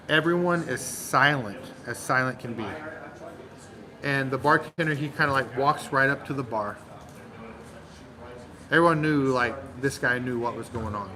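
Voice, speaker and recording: A man hosting a channel, telling a long joke in casual storytelling style, animated and full of dramatic pauses. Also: medium pitch, rough recording. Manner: animated, dramatic pauses, acts out crowd voices. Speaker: channel host.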